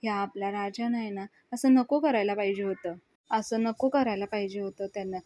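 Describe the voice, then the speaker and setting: A woman's voice: mid-range voice, fairly quick, no room sound, studio quality, lightly acted. A woman voicing a tearful, apologetic young man in grief. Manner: tearful, soft.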